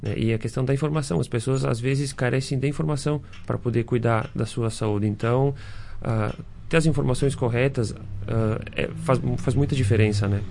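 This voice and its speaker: A man with a gravelly, creaky voice answers as a guest in a radio studio. He speaks in a halting way, filling pauses with short sounds while he finds his words. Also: medium pitch, a little mellow, a little hiss or hum. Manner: halting, fills with "ah" and "é". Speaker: assistant guest.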